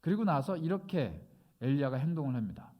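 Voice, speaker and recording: A male pastor preaching a sermon, retelling a scripture story in lively conversational storytelling and briefly acting out the characters' words. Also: a little high, brisk, dull audio. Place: church sanctuary.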